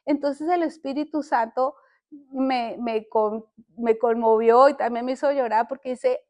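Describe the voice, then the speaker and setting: Older lady podcast host, high voice, earnest faith story, lots of stops and restarts. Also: steady tone, a little mellow, lo-fi sound. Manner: earnest, halting, with many restarts. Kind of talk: personal faith testimony.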